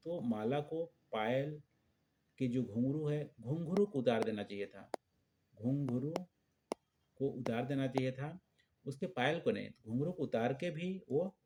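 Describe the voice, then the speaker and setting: A male teacher works through a children's textbook lesson, speaking slowly and deliberately. He repeats phrases and checks in with short questions. He speaks at a middle pitch. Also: darkish tone, slight background noise. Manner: slow and repetitive, checking with frequent questions. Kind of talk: explaining a school textbook lesson.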